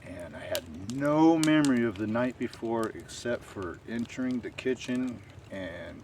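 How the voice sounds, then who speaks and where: A man telling a long story to camera in a rambling, unhurried way, full of fillers. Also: mid-range voice, lively intonation, a little mellow. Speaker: stealth camping vlogger. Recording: distant outdoor camera audio with faint ambient noise.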